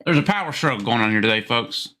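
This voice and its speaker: A man hosting a live call-in show, bantering with co-hosts and reading out chat, animated and quick to shout. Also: medium pitch. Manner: animated, bickering, loud outbursts. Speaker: host.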